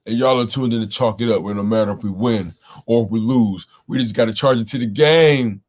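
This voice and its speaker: Brisk and mid-range with a darkish tone, the man hosts a laid-back live sports call-in stream. A somewhat rough throat makes him slightly scratchy while he repeatedly greets chat viewers, exclaims, and circles back over what he's said.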